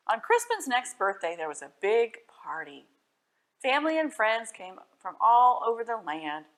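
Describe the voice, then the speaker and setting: At a library storytime, a woman reads children's stories and poems expressively, asking her young listeners questions along the way. Her voice sits on the high side.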